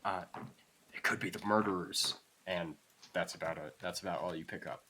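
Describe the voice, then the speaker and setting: A man's voice: low voice, normal speed, sharp tone, slight background noise. A man narrating as dungeon master of a tabletop game, casual and loose, swearing now and then.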